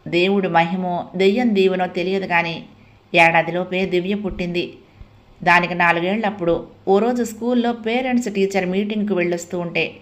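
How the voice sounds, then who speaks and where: A woman narrating a family story as an audiobook, in a soft, reflective first-person telling. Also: fairly low pitch.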